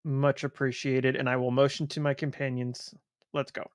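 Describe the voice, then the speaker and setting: A man taking part in a tabletop role-playing game, speaking politely and in a measured way, partly in character. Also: mid-range voice, little pitch movement, clean tone, no echo, clean studio sound. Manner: polite, measured, some fillers. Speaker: player.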